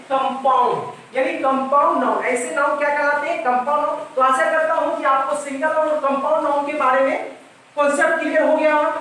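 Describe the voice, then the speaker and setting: A man's very high-pitched, bright, forceful voice leads a classroom grammar lesson in English; he is a teacher who repeats points and answers his own questions. There's a little hiss or hum, with the mic far away in a very echoey room.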